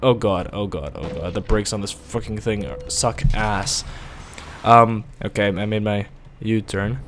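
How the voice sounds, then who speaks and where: A man's voice: lowish voice, a little slow, fairly bright tone, a little hiss or hum. A man whose first language is Latvian, rambling through casual gameplay commentary, cursing and bursting out whenever the driving goes wrong. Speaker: gaming video host.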